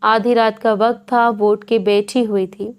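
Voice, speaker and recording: A woman reading a romance novel aloud as an audiobook narrator, in a steady storytelling manner. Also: mid-range voice, clean tone.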